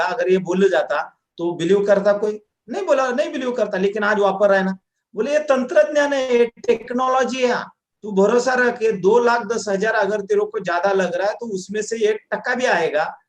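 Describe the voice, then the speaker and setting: Man, motivational testimonial, acts out dialogue, high voice. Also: echoey room. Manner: storytelling, acting out dialogue. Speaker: direct selling distributor.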